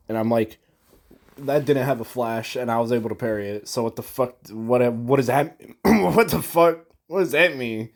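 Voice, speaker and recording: A man's voice: medium pitch, dark tone. A young man casually recapping a frustrating game boss fight, rambling, slangy and full of swearing. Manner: slangy, profane, rambling with restarts. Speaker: gamer recounting a boss fight.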